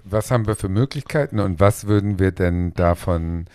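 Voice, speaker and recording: A man with a deep voice takes part in a casual podcast chat. He is probing yet agreeable and interjects often. The recording has very little room sound. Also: moderate pace, dark tone, no echo, studio quality. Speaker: podcast panelist. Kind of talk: casual conversation.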